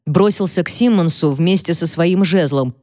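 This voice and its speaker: Brief: woman audiobook narrator, measured and low-pitched. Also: dark tone, dry recording, studio quality. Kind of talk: scripted narration.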